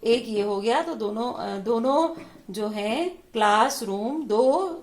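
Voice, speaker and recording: Slow woman teacher sounding out words. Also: on the high side, animated, darkish tone. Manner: sounds words out syllable by syllable, repeating them; mixes Hindi explanation with English words. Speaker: English teacher. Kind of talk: slow classroom lesson on vowel sounds.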